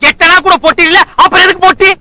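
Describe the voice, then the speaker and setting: A broke, boastful drunkard of a husband, all sarcasm and loud mockery in a film comedy. His voice sits very high and sounds intensely bright and sharp, with a dry, close sound. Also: level tone, racing, no echo, exaggerated voice, poor audio. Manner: sarcastic, mocking, loud insults. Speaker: comic actor.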